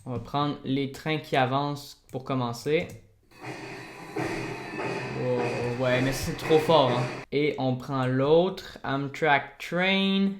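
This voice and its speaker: A man with a Québécois accent, talking casually through his editing work as a vlogger and breaking into loud, delighted exclamations. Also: mid-range voice, steady tone, takes it slowly, slight background noise. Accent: Québécois French. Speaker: video editor and YouTuber. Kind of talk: casual vlog commentary while working. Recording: roomy echo.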